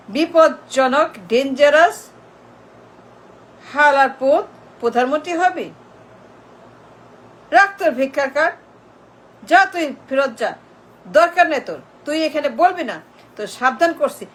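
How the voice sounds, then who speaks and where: A woman with a high, sharp voice delivers an angry scolding rant to camera. She hammers the same insults and warnings over and over at a single target. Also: rough recording. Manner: repetitive insults and warnings hurled at one person. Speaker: video commentator.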